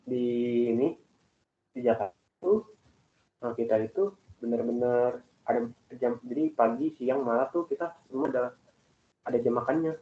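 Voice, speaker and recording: A young man chatting casually with classmates, rambling and animated as he tells about his family. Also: mid-range voice, moderate pace, pauses often. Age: young adult. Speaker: student in group discussion. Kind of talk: casual chat. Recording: echoey, phone-like call audio.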